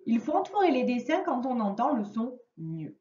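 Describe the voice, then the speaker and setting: Primary teacher, woman, fairly high voice, patient and careful, taped in an echoey room. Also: big pitch swings, warm tone. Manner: slow, patient, clearly articulated instructions. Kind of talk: remote reading lesson for a young child. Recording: roomy, distant, dull lo-fi sound.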